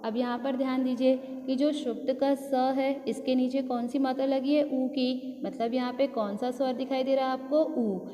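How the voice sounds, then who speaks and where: A woman's voice: high-pitched, flat delivery, normal speed, hardly any pauses, warm tone. A woman teacher giving a grammar lesson, asking questions and answering them herself, stretching out syllables as she spells words. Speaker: school teacher. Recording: echoey room with long reverb, faint noise.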